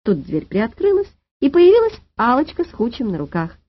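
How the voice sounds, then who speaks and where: A woman narrating an audiobook in an expressive, animated way. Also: fairly high pitch, moderate pace, slightly rough. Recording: dull, dry lo-fi audiobook file.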